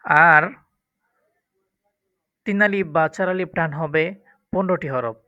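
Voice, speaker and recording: A man's voice: on the high side, normal speed, fairly bright tone, no room sound. A man teaching the Arabic alphabet for Quran reading, speaking. He explains patiently and repeats each letter sound for his learners. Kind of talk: recorded lesson on Arabic letters. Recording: dull, lo-fi, dry.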